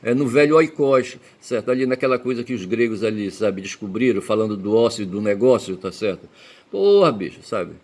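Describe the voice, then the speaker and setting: A man's voice: fairly low pitch, expressive, fairly quick, a little mellow. A man from Belém, rambling through a personal monologue, cursing often and tagging nearly every phrase with a question. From Belém, Pará, Brazil. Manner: peppers speech with tag questions; profane, emphatic outbursts. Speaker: commentator.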